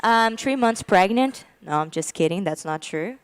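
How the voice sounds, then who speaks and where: A woman's voice: medium pitch, animated, normal speed, smooth. Playful woman in her thirties. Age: 30s. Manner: playful, laughing, teasing. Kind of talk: casual livestream chat.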